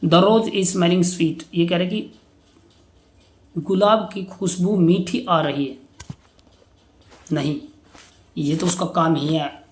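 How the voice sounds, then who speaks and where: A man with an Indian accent teaching English grammar in a lecture, reading English example sentences slowly and explaining them in Hindi. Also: sits high, fairly even intonation. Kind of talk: classroom lecture.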